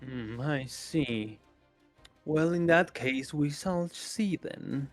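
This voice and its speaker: Booming, distant voice of a haughty wand spirit, slow and lordly, played by a man. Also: lively intonation, soft background music, exaggerated voice. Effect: distant booming voice, as if magically amplified.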